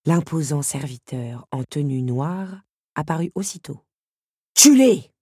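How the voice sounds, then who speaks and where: A woman reading a storybook aloud in a measured, descriptive way. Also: deep voice, mellow, slightly rough, no room sound, studio quality. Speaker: audiobook narrator. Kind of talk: scripted storybook narration.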